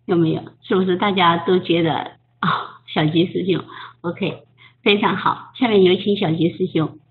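A woman teaching English pronunciation in an online group lesson, patiently coaching and modeling sounds slowly. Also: fairly low pitch, fairly even intonation. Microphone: voice chat. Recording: tinny phone-like line.

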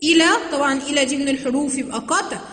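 A woman teacher with an Egyptian accent explains a grammar lesson and stretches and repeats words slowly to demonstrate them. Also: high-pitched, steady tone, a bit bright. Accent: Egyptian Arabic. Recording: long reverb, roomy sound.

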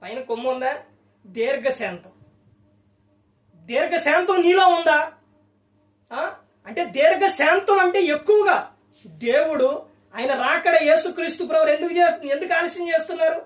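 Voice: sits high, normal speed, long pauses, roomy sound, distant mic. A preacher giving a sermon, firing rhetorical questions at the listener.

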